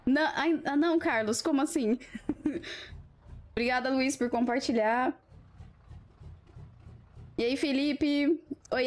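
Woman, Brazilian accent, fairly high voice, playful, chatty live-stream host. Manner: playful, chatty, teasing viewers and laughing often. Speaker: livestream host. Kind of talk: casual live-stream chat with viewers.

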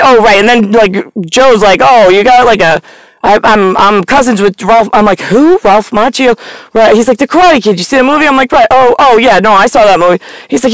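This woman in her forties, a vlogger, speaks from inside a parked car at night, recorded up close. She rambles to the camera with blunt, sardonic profanity and animated hand gestures, her voice on the high side. The recording is dry and low in quality.

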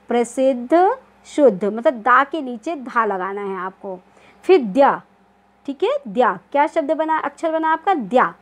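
A woman teaching a primary school Hindi lesson, patient and repetitive, often checking that pupils understand and sounding out word lists slowly. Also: high voice. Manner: slow, spelled-out syllables in word lists. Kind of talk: online class lesson.

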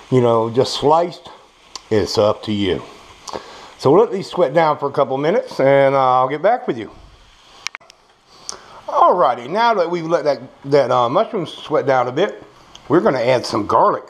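A home cook with toothless speech gives a casual, folksy cooking demonstration in a small indoor home kitchen, his mid-range voice animated and at normal speed. He makes savoring murmurs as food fries. The noisy recording carries frying sizzle and clicks.

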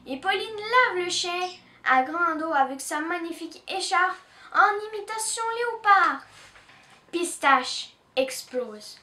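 A woman from Canada reading a children's storybook aloud in an expressive way, recorded with a roomy echo from a distant mic. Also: extremely high pitch, takes it slowly. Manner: expressive, with small restarts. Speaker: children's book reader.

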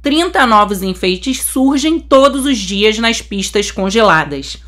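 A young Brazilian woman with a Brazilian Portuguese accent commentating a game update, so excited she says she is trembling, gushing and exclaiming constantly. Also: mid-range voice, a little slow. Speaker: game channel host.

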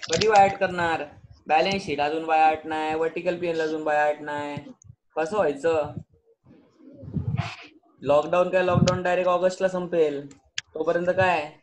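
High-voiced man teaching accounts online. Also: flat delivery, moderate pace, long pauses, background noise. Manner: switches between Hindi, Marathi and English, questions students often. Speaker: commerce teacher.

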